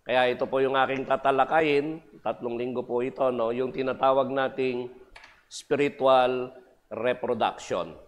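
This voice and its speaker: A man's voice: medium pitch, steady tone, unhurried. A man preaching a sermon as pastor, switching between Tagalog and English with polite particles and frequent fillers. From Philippines. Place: church sanctuary. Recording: long church reverb.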